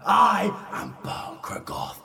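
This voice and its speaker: An actor playing a pompous, easily offended elder demon stuck in a fridge, booming theatrically, sounding distant from the mic. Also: male voice, slow pace, bright, forceful tone, raised voice, soft background music. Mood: indignant.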